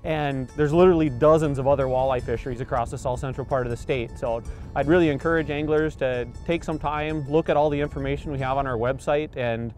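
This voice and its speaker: A fisheries biologist in his forties answers interview questions outdoors by a river, earnest and explanatory, with frequent fillers and restarts. His mid-range voice is darkish, fairly quick, with fairly even intonation, and soft music plays in the background.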